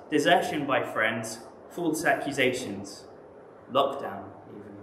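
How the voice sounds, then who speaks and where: A man with an English accent preaching a sermon in a measured, reflective way, often posing rhetorical questions. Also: mid-range voice, fairly bright tone, echoey room, a little hiss or hum, poor audio. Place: church.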